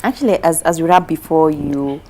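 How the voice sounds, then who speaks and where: A woman's voice: low-pitched, brisk, darkish tone, slight background noise. A woman hosting an interview, giving short encouraging replies and mixing in Swahili. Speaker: interviewer host. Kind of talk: casual interview chat.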